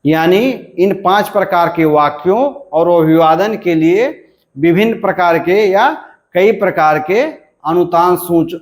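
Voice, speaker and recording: A man with a fairly high voice explains a grammar lesson at an unhurried, deliberate pace. He keeps asking his own questions and then answering them, repeating key points for his listeners. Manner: clears his throat now and then. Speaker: Hindi grammar teacher. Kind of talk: classroom-style lesson explanation.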